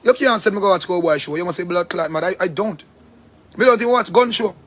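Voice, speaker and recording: A Jamaican man on a live stream, ranting loosely in a noticeably high voice. He talks in a rambling way and swears freely, with lots of animation. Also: animated, fast, a bit bright. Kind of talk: casual live-stream rant.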